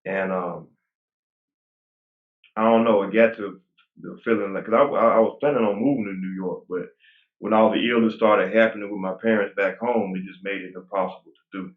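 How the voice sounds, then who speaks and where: Fairly low-pitched and fairly quick, a man in his forties rambles through casual interview talk as a guest bodybuilder. He's relaxed but keeps restarting, and the audio is tinny and phone-like with a roomy echo.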